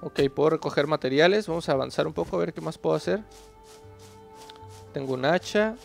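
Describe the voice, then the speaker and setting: A man's voice: on the high side, fairly quick, gravelly, soft background music. A man chatting casually to viewers while playing a game, talking to himself and to creatures on screen. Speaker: gaming channel host. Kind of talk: casual gameplay commentary.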